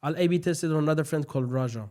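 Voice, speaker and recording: A man chats on a podcast in a slightly high-pitched voice. He explains his points informally, with the loose phrasing of an English speaker. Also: rapid-fire, dark tone. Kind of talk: casual podcast conversation.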